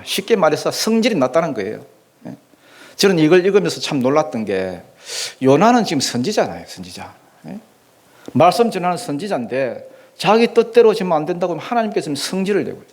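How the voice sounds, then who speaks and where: A man preaching a sermon as pastor in a church, animated and firing rhetorical questions at the congregation. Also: fairly high pitch, a little fast.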